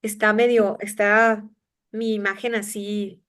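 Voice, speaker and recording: A woman's voice: medium pitch, level tone, slow pace, fairly bright tone. A woman taking part in a devotional group on a video call, chatting and asking the pastor to confirm things. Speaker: participant in a devotional.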